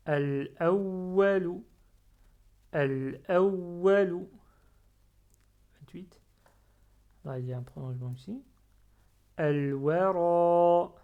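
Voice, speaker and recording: In a recorded reading lesson, a medium-pitched teacher says each word slowly and clearly twice, then explains patiently and quietly, correcting himself here and there.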